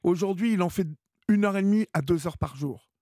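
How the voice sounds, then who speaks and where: A man's voice: sits high, a little fast, dark tone, dry recording, clean studio sound. A man hosting a late-night call-in radio show, talking in a hesitant, encouraging way with many fillers. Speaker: radio host.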